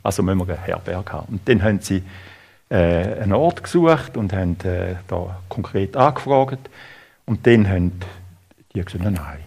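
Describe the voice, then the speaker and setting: Husky Swiss German preacher. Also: male voice, low-pitched, expressive, a little mellow. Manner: halting, with many fillers and restarts. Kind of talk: sermon.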